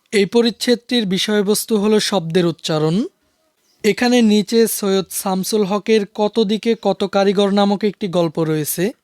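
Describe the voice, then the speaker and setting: A male teacher calmly and steadily explaining a school textbook lesson to students. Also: sits high, no echo, studio quality.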